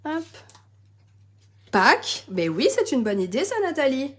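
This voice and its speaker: Woman, high bright voice, chatty crafting live host, bubbly, talks to viewers while working. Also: sing-song, measured pace, breathy edge. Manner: chatty and bubbly, reads and answers viewer comments, laughs often. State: slightly losing her voice, coughing.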